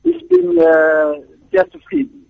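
High gravelly man, halting. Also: little pitch movement, narrow, tinny audio. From Afghanistan. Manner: halting, searching for words in a second language. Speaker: architecture professor, interview guest. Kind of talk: radio interview answers.

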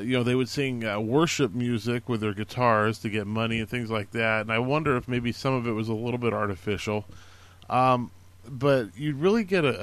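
A man at a middle pitch talks casually through his book picks. He is earnest and encouraging, and he restarts his sentences often with plenty of fillers. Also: a bit bright. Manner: conversational, many fillers and restarts. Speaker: podcast host recommending books. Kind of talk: casual spoken book recommendations.

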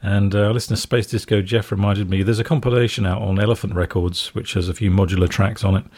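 A man's voice: fairly low pitch, steady tone, fast, a little mellow, slightly rough. A man co-hosting a music radio show in casual chat, chuckling often and hesitating with fillers.

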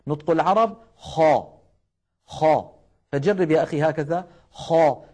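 Speaking with a somewhat high, gently mellow voice, a male Quran recitation teacher leads a lesson broadcast from a studio. He repeats single syllables deliberately to show them, describes how each is produced, and often asks home viewers to say them back.

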